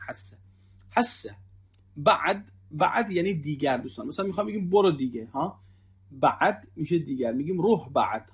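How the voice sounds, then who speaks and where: A man in his thirties, a native Persian speaker, teaching an online Arabic lesson, often repeating words and slowing down to drill them. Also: fairly high pitch, slightly rough. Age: 30s.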